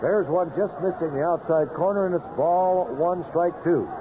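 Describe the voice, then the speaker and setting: A man with a fairly high voice calls baseball play-by-play at a moderate pace, live on a vintage radio broadcast from an outdoor ballpark booth. The sound is lo-fi, with a noisy background.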